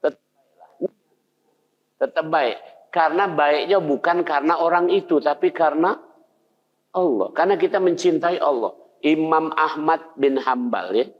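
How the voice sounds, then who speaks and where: A man's voice: a little high, measured pace, long pauses. An older male preacher, giving a conversational sermon and putting questions to his listeners. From Indonesia. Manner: conversational, asks the audience questions. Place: mosque hall. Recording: dull sound in a long-reverb hall.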